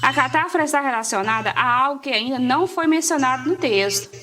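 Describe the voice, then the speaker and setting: A woman teacher explaining grammar in a clear, explanatory way. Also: high voice, expressive, fast talker, sharp tone, faint music behind. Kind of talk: grammar lesson.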